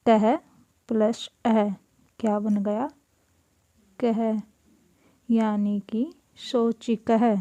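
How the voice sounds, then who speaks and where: A woman teacher going through a school lesson, saying each word slowly and giving its meaning. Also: on the high side, flat delivery, mellow, no room sound. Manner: slow, deliberate, repeats each word and gives its meaning. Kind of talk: classroom lesson explaining Sanskrit words in Hindi.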